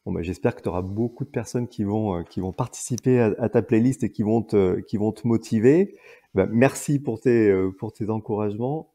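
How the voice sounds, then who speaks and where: A man's voice: fairly low pitch, normal speed, dark tone. A man in his forties talking casually as a podcast guest, hesitant with many fillers and restarts. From France. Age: 40s. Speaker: guest entrepreneur.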